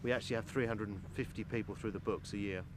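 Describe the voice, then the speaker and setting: A man who manages a farm, talking loudly and enthusiastically in an outdoor interview, often restarting his sentences. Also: on the low side, fairly even intonation, quick pace. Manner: enthusiastic, loud, rambling with restarts. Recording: noisy outdoor background.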